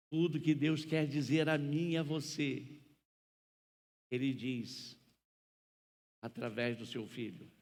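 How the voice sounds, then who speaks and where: A man preaching a sermon as pastor, with slow, emphatic pauses that build to loud, ringing passages. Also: medium pitch. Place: church sanctuary. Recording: church hall reverb.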